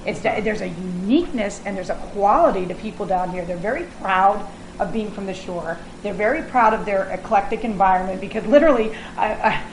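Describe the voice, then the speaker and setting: A woman's voice: medium pitch, a little fast. An American woman chatting in an interview, effusive and emphatic, promoting her work. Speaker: culinary consultant and caterer being interviewed. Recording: echoey room with ambient noise.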